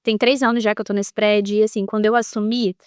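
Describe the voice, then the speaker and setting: Smooth-voiced woman telling a lively story. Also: medium pitch, fast talker, no echo, studio quality. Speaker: building manager guest. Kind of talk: podcast interview storytelling.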